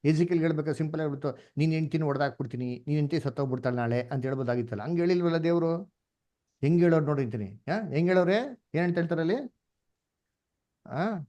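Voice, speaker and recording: A man's voice: a little high, quick pace, dark tone, highs cut off. A man with a Kannada accent teaching an online Bible class, asking questions and mixing English words into his talk. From India.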